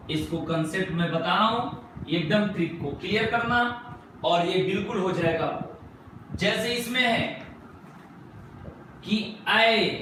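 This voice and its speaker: A man with a very high voice gives a classroom grammar lecture. He keeps firing questions at the class and answering them himself, and he draws out single sounds as he spells words. He is far from the mic in a very echoey room with faint noise behind him. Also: a bit bright. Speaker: Hindi grammar teacher.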